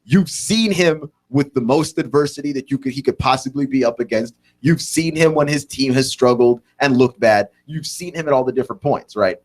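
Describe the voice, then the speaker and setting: A man's voice: mid-range voice, normal speed, few pauses. Twenty-something man rambling on sports radio. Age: 20s. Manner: rambling, thinks aloud with many restarts and "like, right?" tags. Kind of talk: solo sports talk radio monologue.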